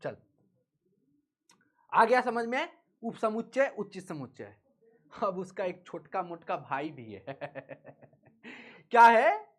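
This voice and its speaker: A man's voice: high-pitched, big pitch swings, slow, long pauses. A male teacher, leading a live online class in a playful, teasing way and drilling students with call-and-response chanting.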